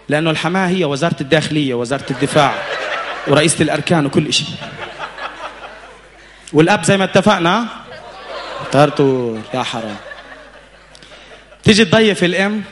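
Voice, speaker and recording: A man's voice: high-pitched, slight background noise. A man with a Levantine Arabic accent doing stand-up comedy, telling stories as an escalating comic rant and acting out dialogue.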